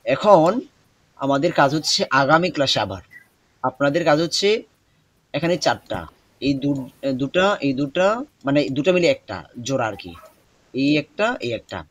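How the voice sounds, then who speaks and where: Young male recitation tutor, patient, hesitant fillers, medium pitch, dry close mic. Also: normal speed, pauses often, no room sound. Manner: patient, repeats instructions, many hesitations. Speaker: Quran recitation teacher. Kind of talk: online class teaching.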